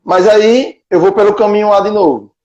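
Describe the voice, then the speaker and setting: A man's voice: sits high, normal speed, warm tone. A man hosting a casual live chat, laying out his ideas step by step, heard through dull lo-fi stream audio. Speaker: host.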